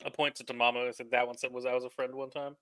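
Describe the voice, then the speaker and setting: A man's voice: mid-range voice, flat delivery, quick pace, bright, forceful tone, smooth, no echo. A man improvising in-character chat as a player in a tabletop game.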